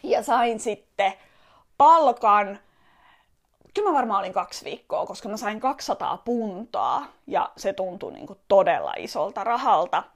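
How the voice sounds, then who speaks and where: A woman from Finland tells a personal story in a loose, conversational way. She circles back and restarts her sentences often. Her humor is wry and self-deprecating. Her voice sits at an ordinary middle pitch. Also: big pitch swings. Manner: chatty, rambling, lots of fillers and restarts.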